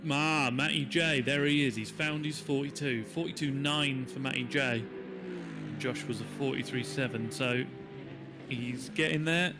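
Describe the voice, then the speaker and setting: A man's voice: mid-range voice, unhurried, music in the background. A man commentating a live sim race, chatty and joking as he reads out lap times.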